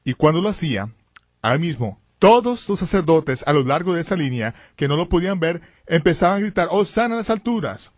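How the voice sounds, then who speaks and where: A man in a studio voice-over giving dramatic Bible teaching, emphatic and building to loud exclamations. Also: fairly high pitch, animated, brisk, no room sound.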